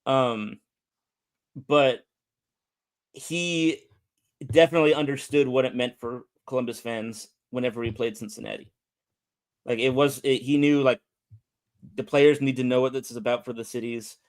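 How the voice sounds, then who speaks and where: A man's voice: medium pitch, fairly even intonation, moderate pace, pauses often. A man with an American accent chatting casually as an interview guest, often repeating words as he thinks. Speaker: podcast guest, soccer fan.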